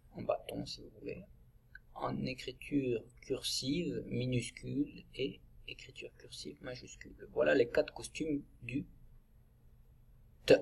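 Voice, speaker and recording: A man teaching a reading lesson to young children, sounding out syllables slowly and clearly. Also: medium pitch, a little mellow.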